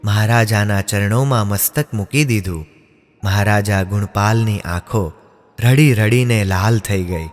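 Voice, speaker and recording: A man narrating a devotional drama in a measured, solemn storytelling manner. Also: lowish voice. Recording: long reverb, music underneath.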